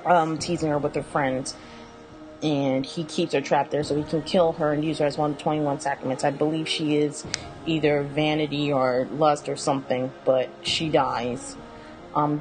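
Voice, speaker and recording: In a low-quality recording, a woman with a low, slightly mellow voice gives a casual rundown of a video game's characters. She comments loosely, filling gaps with fillers and fixing her own words as she goes.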